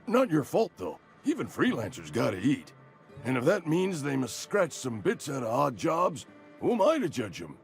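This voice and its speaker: An actor playing a nervous, fatalistic company worker in a video game, ailing and doom-laden, with quaintly formal, folksy talk. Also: male voice, medium pitch, wildly swooping pitch, normal speed, gravelly, faint music behind. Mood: apologetic, pleading. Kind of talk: video game character acting.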